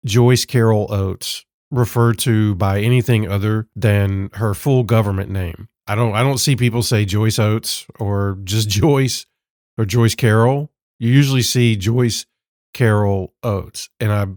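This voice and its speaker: A man hosting a book podcast in a casual, sarcastic monologue, sounding rough from being sick. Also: lowish voice, unhurried, a little mellow, no echo, clean studio sound. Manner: sarcastic, self-deprecating, conversational. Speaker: podcast host.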